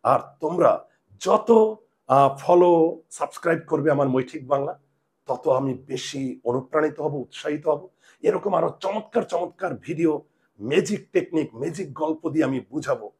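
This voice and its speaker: A man's voice: fairly high pitch, moderate pace. A man teaching a grammar lesson to students, emphatic and repeating key points. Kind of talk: classroom-style video lesson.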